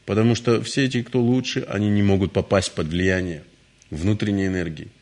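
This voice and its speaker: Sex: male. Role: spiritual lecturer. Style: devotional lecture. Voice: low, gravelly. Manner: conversational storytelling. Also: steady tone, brisk, darkish tone. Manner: conversational, storytelling, frequent restarts.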